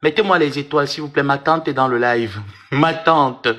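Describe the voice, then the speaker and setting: A man's voice: fairly high pitch, moderate pace, bright, forceful tone. A man hosting a livestream, taunting and arguing in a mocking, repetitive way. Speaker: live-stream host. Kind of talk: livestream rant and chat.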